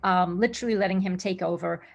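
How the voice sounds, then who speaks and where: Middle-aged actress guest from Zimbabwe and Australia; casual and chatty, slight fry. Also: female voice, on the low side, quick pace. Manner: chatty, many restarts and fillers. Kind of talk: casual interview answers.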